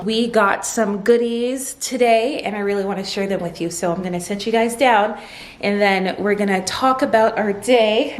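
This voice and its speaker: A woman in her thirties chatting casually and upbeat to camera at home, rambling through asides. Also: mid-range voice. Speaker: vlogger. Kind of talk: casual vlog chat. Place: home kitchen. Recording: echoey home room with faint noise.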